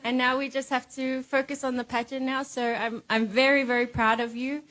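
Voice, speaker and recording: Poised, high-voiced woman hosting a pageant. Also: little pitch movement, normal speed, fairly bright tone. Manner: poised, earnest pageant-style speaking. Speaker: pageant host. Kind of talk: live event hosting, addressing contestants and audience. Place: live stage event before an audience.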